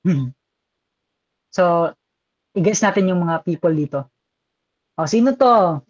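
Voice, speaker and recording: A man's voice: high-pitched, animated, takes it slowly, dry recording, muffled recording. A man with a Filipino accent giving a live online exam review lecture, chatty and switching between languages as he reads out viewer comments.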